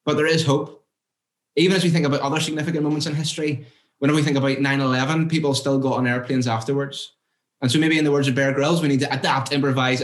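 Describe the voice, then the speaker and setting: A man hosting, giving an earnest reflective talk that quotes scripture, with "uh" fillers. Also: mid-range voice. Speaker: host. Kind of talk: reflective devotional talk and interview. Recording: echoey room.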